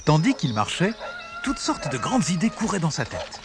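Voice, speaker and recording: Male storybook narrator: expressive and animated, over music. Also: fairly high pitch, normal speed. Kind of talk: storybook read-aloud.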